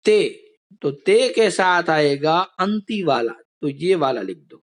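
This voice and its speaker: A male teacher with a fairly high voice talks slowly through a lesson. His manner is patient, and he explains each step carefully for students on a video call. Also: animated. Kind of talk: online class lesson.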